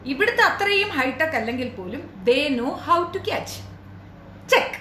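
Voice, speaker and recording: A woman commentator with a high, bright voice taunts her subject with sarcastic rhetorical questions. She is recorded in a roomy space that gives her voice an echo. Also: very animated, unhurried, slight background noise. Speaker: commentary YouTuber. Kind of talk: reaction commentary.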